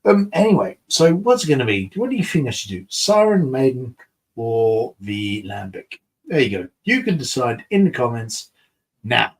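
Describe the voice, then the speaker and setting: A man's voice: mid-range voice, sing-song, normal speed. A man hosting a casual beer review live stream, chatting with viewers about their comments in a rambling, mumbling way. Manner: rambling and mumbling, self-mocking. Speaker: beer reviewer and channel host.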